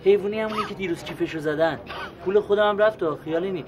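An actor playing a fast-talking, flustered man who pleads and bargains his way out of trouble in a TV sitcom. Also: high-pitched, noisy background, natural voice. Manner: wheedling, pleading, talks himself out of trouble. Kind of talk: TV sitcom acting.

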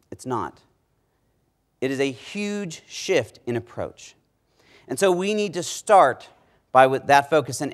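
A middle-aged man giving a conference keynote on a large stage, speaking emphatically into a lapel mic and dropping low on key words.

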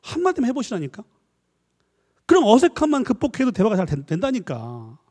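A man, a professor, giving a lively church lecture, acting out little dialogues and coaxing his listeners. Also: extremely high pitch, brisk. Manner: animated, acts out dialogues, coaxing the audience. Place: church hall. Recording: long hall reverb.

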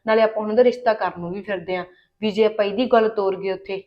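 A woman's voice: medium pitch, steady tone, fast talker, dull audio, lightly acted. A woman playing an eager, persuasive young daughter-in-law. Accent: Punjabi. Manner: eager, persuasive, drops to hushed tones. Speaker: young wife in a family drama. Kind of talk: Punjabi short film acting.

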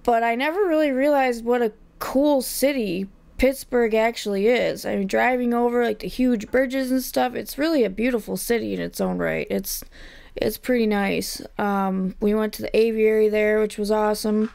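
A woman in a casual vlog chat, talking in a relaxed, hesitant way with fillers. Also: fairly high pitch, normal speed, gravelly, clean tone. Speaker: host's partner, guest.

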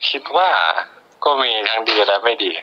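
A man's voice: mid-range voice, animated, normal speed, sharp tone. A teenage boy chatting on a phone call, hesitant and stammering. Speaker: friend on the call. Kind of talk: casual phone chat.

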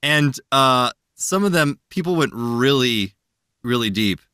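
A podcast host with a bright, forward voice and a lot of swing in his pitch. He chats casually, reads posts aloud and slips into goofy voices. The sound is dry and close. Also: expressive, unhurried, clear, resonant tone, no room sound. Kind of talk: casual chat.

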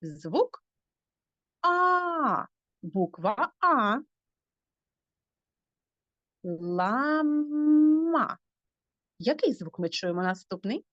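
A woman's voice: high-pitched, very animated, very slow, pauses often, a bit bright, no room sound, dull audio. A woman teaching a phonics lesson to small children over a video call, stretching out words and asking the class questions.

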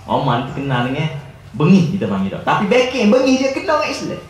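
A man with a Kelantan Malay accent giving a religious lecture, telling stories in an animated, jokey way. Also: a little high, quick pace. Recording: echoey hall, distant mic, faint ambience.

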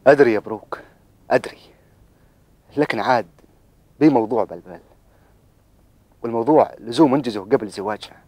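A man's voice: medium pitch, a little fast, pauses often, a little mellow, no echo, lightly acted. An actor in his thirties playing a lovestruck, troubled Bedouin man in a television drama, hesitant, with a Bedouin Arabic accent.

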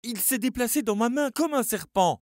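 A man's voice: huge pitch swings, normal speed, darkish tone, slightly rough, dry recording, studio quality, heavily acted. A man doing jumpy young Charlie. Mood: frightened. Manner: high-strung, rising voice.

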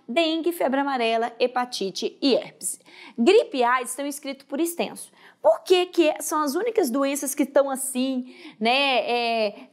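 A woman teaching a biology exam-prep class, chanting mnemonics and coaxing the class to repeat after her. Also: high voice. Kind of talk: energetic exam-prep lesson.

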